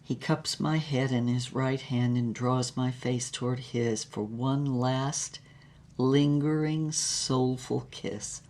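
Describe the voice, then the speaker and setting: A woman with a bass voice, steady and darkish in tone, speaks slowly as a wistful, heartbroken former actress narrating her lost love in an audio drama. She lingers dramatically in melancholy, tender and sorrowful.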